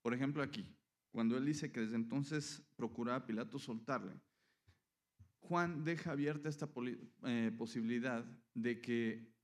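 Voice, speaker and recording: A man with a mid-range voice and moderate pace preaches a sermon, teaching and explaining scripture while frequently checking in with his listeners.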